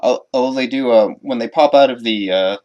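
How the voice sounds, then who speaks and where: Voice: mid-range voice, brisk, warm tone, highs cut off. Laid-back podcast co-host. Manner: laid-back, agreeable, swears casually. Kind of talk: casual film discussion.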